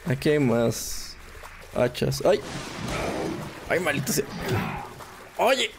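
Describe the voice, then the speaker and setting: A man's voice: a little high, very animated, slow, gravelly, music in the background. A young man with a Mexican Spanish accent giving casual let's play commentary, full of sarcastic complaints aimed at the game. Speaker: gameplay streamer.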